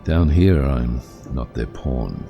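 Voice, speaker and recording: An actor playing a brooding, embittered submarine captain in a cinematic audio drama, grandiose and solemn in delivery. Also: male voice, extremely low pitch, slow, dull audio, faint music behind, exaggerated voice. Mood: bitter, haunted.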